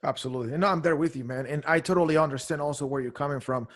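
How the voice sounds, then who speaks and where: Fast-talking casual man from Guatemala. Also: a little high. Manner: casual, profane, agreeable. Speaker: podcast host. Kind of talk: conversational interview.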